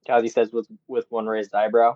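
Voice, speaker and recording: A man's voice: mid-range voice, monotone, a little fast, no room sound, phone-quality sound. A man playing in a tabletop game, asking eager questions in casual chat. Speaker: player.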